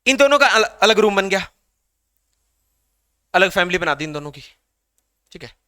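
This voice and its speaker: Man, grammar teacher, question-and-answer drilling, smooth crisp voice, dry close recording. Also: sits high, big pitch swings, moderate pace, pushed and bright, dry recording. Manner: asks the class questions and answers them himself, calls students "beta". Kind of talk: classroom lecture.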